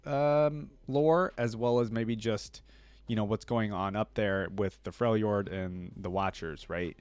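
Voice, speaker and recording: A man with a smooth, mid-range voice hosts reaction videos in a dry recording. Chatting casually with viewers as an enthusiastic fan, he rambles and muses, often hedging with "like" and "you know."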